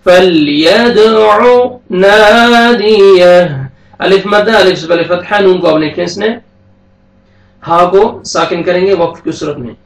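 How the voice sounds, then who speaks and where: A man with a Pakistani Urdu accent teaching a tajweed lesson, slowly chanting verses and then quickly explaining the rules in a soft voice. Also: high voice, recorded from a distance. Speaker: Quran teacher. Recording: echoey room, voice a bit off-mic.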